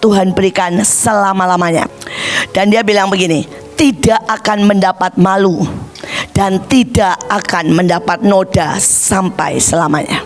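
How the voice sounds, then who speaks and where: An older woman evangelist preaching a sermon, impassioned, breaking into shouts and addressing the congregation again and again. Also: fairly even intonation, a little slow, faint music behind. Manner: high-pitched exclamations with wide swings.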